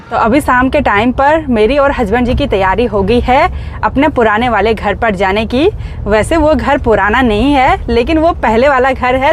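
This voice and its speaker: A woman's voice: on the high side, slight background noise. A woman in her thirties vlogging casually, chatty and cheerful, laughing often as she walks and drives around. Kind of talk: casual vlog narration. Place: in a car and walking through a house.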